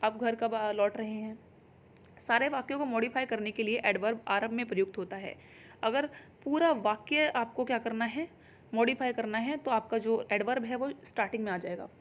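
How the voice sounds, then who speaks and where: A woman teacher, explaining grammar in Hindi and reading example sentences slowly and carefully. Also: a little high. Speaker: English teacher. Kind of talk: exam-prep grammar lesson.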